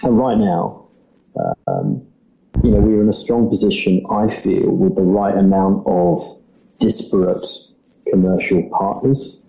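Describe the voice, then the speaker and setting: A man with a mixed British-Australian accent explaining things conversationally as a startup representative, measured, hesitant and diplomatic. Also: sits low, lively intonation, gravelly, dark tone, faint music behind, rough recording.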